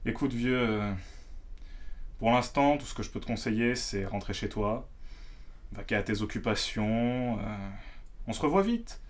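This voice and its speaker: A man's voice: animated, measured pace, pauses often. A man playing a shaken man who speaks hesitantly and confides in a friend. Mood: reassuring. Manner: hesitant, confiding, low-key. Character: shaken man recounting a strange event. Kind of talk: amateur short film acting.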